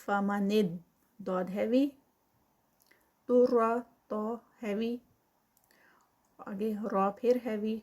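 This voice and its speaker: A woman teaching Quran recitation. She chants verses slowly and drawn out, then explains the rules quickly, mixing in English counting terms. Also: mid-range voice, steady tone, a little mellow. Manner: mixes English counting terms into her speech.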